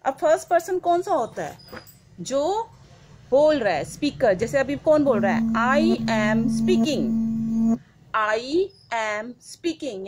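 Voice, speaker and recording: A woman teacher giving a grammar lesson to children, saying each word slowly and asking questions that she answers herself. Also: sits high. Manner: slow, drawn-out word-by-word dictation.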